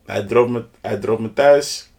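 A man's voice: on the low side, unhurried, gravelly. Een man met een Nederlands die in een ontspannen gesprek geanimeerd verhalen vertelt, met Engelse straattaal en klanknabootsingen ertussen. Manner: animated, slangy, mixes in English phrases and sound effects. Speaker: podcast co-host. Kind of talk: casual storytelling chat.

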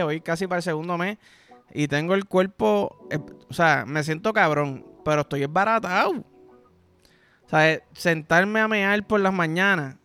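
Young Puerto Rican male podcast host, crude comic rambler, higher pitch, sharp bright tone. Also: clean tone. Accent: Puerto Rican Spanish. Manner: vulgar, rambling, animated storytelling with sound effects. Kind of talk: crude comedic monologue.

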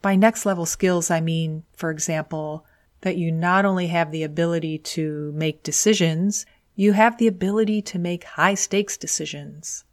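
A woman presenting scripted advice to viewers in an orderly, measured way, setting out her points clearly one by one. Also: fairly low pitch, fairly even intonation.

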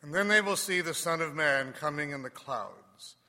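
A man, a priest, leading Mass and giving a homily in a measured, deliberate way that softens at the end of phrases, heard with a long cathedral echo. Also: on the high side. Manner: measured, deliberate, dropping softly at phrase ends. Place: large church.

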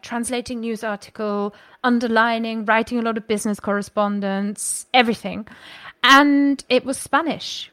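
A woman from Germany chats as a podcast guest, telling stories casually and thinking aloud with frequent self-corrections. Her voice is a little high and a bit bright, with no room sound.

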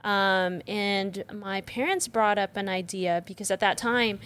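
A woman's voice: medium pitch, a little slow, a bit bright. Giggly, self-deprecating young woman guest. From Philippines, raised in Southern California. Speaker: physical therapist guest. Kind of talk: casual interview chat.

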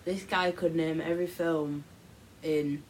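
A woman's voice: low voice, fairly even intonation, measured pace, a little mellow, slight background noise. A young woman, co-hosting a casual podcast and teasing her friend with a giggle. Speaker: podcast co-host. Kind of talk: casual banter.

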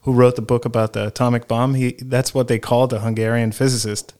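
A man hosts a casual interview in a middling voice. He is friendly and chatty, often dropping in quick "yes" replies while his guest talks. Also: medium pitch, level tone, a little mellow, clear, resonant tone. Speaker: podcast host.

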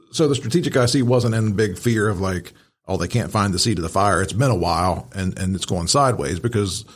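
A man's voice: on the low side, darkish tone, breathy edge. A man in a casual technical discussion, explaining conversationally as an instructor and rephrasing as he goes. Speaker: fire command instructor, show regular.

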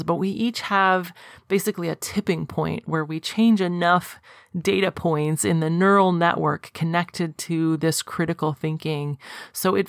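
Calm woman coach with a gravelly edge. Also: low voice, no room sound, studio quality. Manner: calm, gently instructive. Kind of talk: guided self-help instruction.

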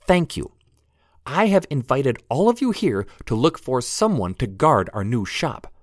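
A man voicing a small, bold young woman who gives brisk, commanding orders. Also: medium pitch, very animated, no room sound, studio quality, voice pushed up.

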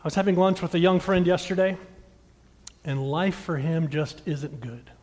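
A middle-aged man preaching a sermon as pastor, addressing the congregation directly and swinging between loud, emphatic lines and hushed, intimate ones. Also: a little high, fairly even intonation, moderate pace. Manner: talks directly to the congregation with questions. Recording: long reverb of a large hall.

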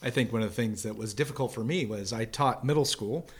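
A man's voice: mid-range voice, quick pace, breathy edge. A middle-aged man hosting a casual chat, easygoing and self-deprecating, once a middle school teacher. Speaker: host.

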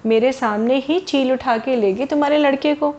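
A woman's voice: high-pitched, normal speed, a little mellow, natural voice. A woman voicing a clever, sly young village man who outwits a cheat in a children's storybook tale. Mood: insistent. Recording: dull lo-fi recording.

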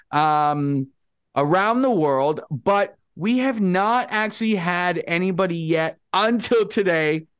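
A male podcast host chats with his guest in an upbeat, enthusiastic casual interview. His voice sits high and a bit bright, clear and resonant.

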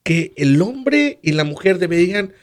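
Man, preacher type; high and very expressive, scripture-quoting sermon delivery. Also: unhurried. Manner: preachy, asks rhetorical questions, quotes scripture. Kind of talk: sermon-style teaching on marriage.

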